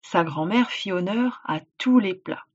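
A woman teacher reading a folk tale aloud and explaining words and tasks clearly to a child, in a dull lo-fi recording. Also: medium pitch, lively intonation, unhurried. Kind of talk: read-aloud storytelling and instructions.

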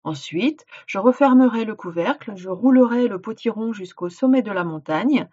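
A kind, practical young granddaughter from a storybook, read by a woman, reassuring and calm as she explains her plan. The voice is husky. The recording sounds dull and lo-fi. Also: medium pitch, normal speed.

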